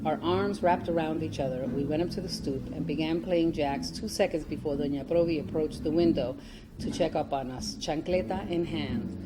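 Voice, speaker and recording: A woman, an author, reading from her memoir at a live event, animated and chuckling, with spoken asides. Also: deep voice, moderate pace, heavy background noise.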